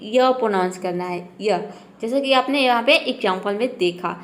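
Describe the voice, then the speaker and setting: A woman teaching English pronunciation rules, patiently asking and answering her own questions and repeating each word slowly. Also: mid-range voice. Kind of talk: spoken lesson on pronunciation rules.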